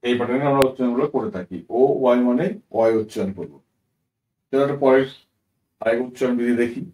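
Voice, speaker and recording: Mellow-voiced man teaching pronunciation, echoey room. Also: medium pitch. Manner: patient, addresses viewers as friends, asks "ঠিক আছে?", corrects himself with "sorry"; slows down to spell out example words letter by letter. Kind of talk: spoken lesson, explaining pronunciation rules. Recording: echoey room, voice a bit far from the mic.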